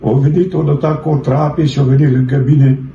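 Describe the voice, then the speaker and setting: A man's voice: mid-range voice, level tone, warm tone. A middle-aged man giving an earnest, fervent religious testimony, telling his story and calling his listeners brethren. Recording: roomy, dull, slightly noisy.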